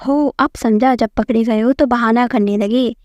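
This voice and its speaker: A woman's voice: on the high side, steady tone, a little mellow, no room sound, highs cut off, lightly acted. Storybook bully boy, domineering and scolding, dry close sound; read by a woman. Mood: bossy scolding. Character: bossy quarrelsome magic boy, rough-tempered.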